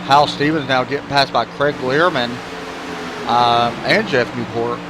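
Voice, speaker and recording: A man calls an online race on his own stream, relaxed and joking, at a mid pitch. He sometimes talks with food in his mouth. A clear background noise runs under his voice. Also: measured pace. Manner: laid-back, joking, talks while chewing. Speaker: race commentator and stream host. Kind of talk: casual sim-racing commentary.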